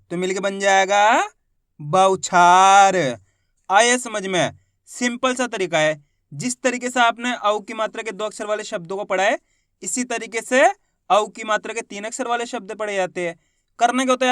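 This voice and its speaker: A Hindi reading teacher works with children in a slow phonics lesson, spelling out syllables in a drawn-out way and rising loudly on each finished word. Between words he explains things more quickly and quietly. His voice is high, and the studio-quality recording has no room sound.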